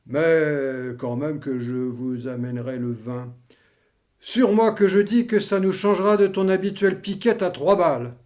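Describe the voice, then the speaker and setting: High-pitched, blustering old veteran, played by a man. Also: expressive, measured pace, darkish tone. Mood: mocking. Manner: colloquial, blustering, twisted slangy grammar. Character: Achille, grumbling, mocking old war veteran. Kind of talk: theatrical comedy acting.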